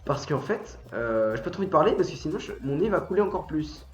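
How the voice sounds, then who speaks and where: A man's voice: on the high side, very animated, fast talker, reverberant, soft background music. A young man with a cold and a stuffy nose, chatting casually while streaming a game, rambling and restarting his words. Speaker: gaming streamer.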